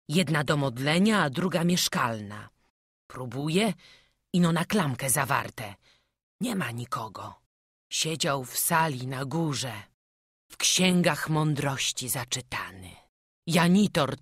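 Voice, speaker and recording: A woman's voice: extremely low pitch, animated, takes it slowly, a bit bright, husky, no room sound, clean studio sound. A woman narrating an audiobook, reading a historical story and giving village characters their own voices. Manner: voices village characters in old-fashioned dialogue.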